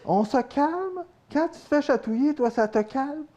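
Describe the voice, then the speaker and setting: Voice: high voice, lively intonation, warm tone. Teasing interviewer, dull lo-fi sound. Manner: teasing, quick short interjections. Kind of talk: casual interview.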